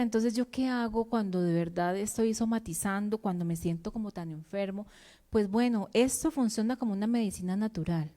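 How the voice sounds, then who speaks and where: A woman's voice: medium pitch, dark tone. A woman psychologist, explaining emotional health in a conversational way and speaking directly to her listeners.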